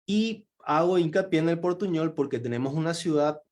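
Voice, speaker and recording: A man's voice: on the high side, moderate pace, darkish tone. A man from Paraguay with a Paraguayan Spanish accent, giving a symposium talk in a hesitant way, with many fillers and restarts. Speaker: symposium speaker. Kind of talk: lecture talk.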